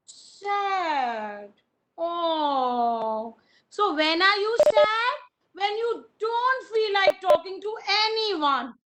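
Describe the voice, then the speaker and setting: A young woman leads an online preschool class, praising the children in a slow, sing-song, very expressive way. Her voice is extremely high.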